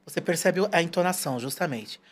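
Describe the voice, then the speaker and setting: A fast-talking man in his forties with a fairly high pitch appears as a guest in a casual interview. He tells lively stories and imitates people in brief put-on voices when quoting them.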